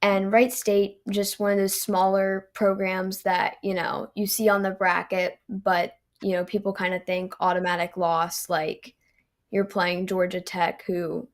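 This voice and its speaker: A young woman talks sports in an easygoing podcast chat. Her voice sits in a flat, narrow pitch band with a gravelly fry underneath. She keeps it loose, dropping plenty of ums and you knows. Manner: relaxed, frequent "um" and "you know". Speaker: guest volleyball analyst.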